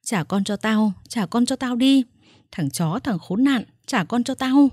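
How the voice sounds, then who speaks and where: A woman's voice: mid-range voice, animated, a little fast, breathy edge, no echo, clean studio sound. A woman voicing a young mother who has been tricked out of her baby, raging and sobbing. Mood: screaming. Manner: shouting, sobbing, vengeful. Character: furious young mother, wronged mistress.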